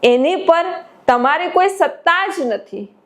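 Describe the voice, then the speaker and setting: A high-voiced woman delivers a devotional sermon at a slow, unhurried pace. She speaks as a spiritual teacher, building her points by repeating phrases for emphasis. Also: expressive.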